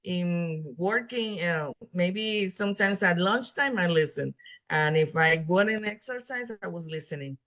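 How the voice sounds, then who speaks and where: A guest from Puerto Rico, a native Spanish speaker with a Puerto Rican Spanish accent, tells an interviewer in a casual way how she passed an exam. Her voice is lowish and a bit bright, and she speaks slowly. Earnest throughout, she halts often and restarts her sentences.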